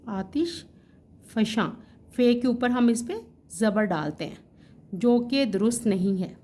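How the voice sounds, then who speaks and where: A woman with a slightly higher voice gives a vlog lesson on correct pronunciation. She spells out words letter by letter in a careful, measured way. Now and then she corrects herself with a casual aside. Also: mellow. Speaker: Urdu language teacher.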